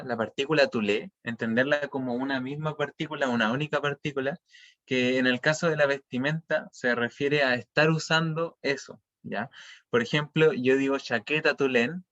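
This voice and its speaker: A man's voice: mid-range voice, moderate pace, a bit bright, muffled recording. A man teaching an online language class, explaining patiently and checking often that students follow.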